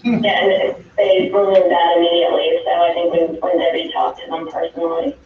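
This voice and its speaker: A man's voice: sits high, flat delivery, fairly quick, a little hiss or hum. A man on a speakerphone giving a businesslike legal report to a board meeting. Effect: heard over a speakerphone. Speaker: legal counsel. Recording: distant, muffled, very echoey speakerphone.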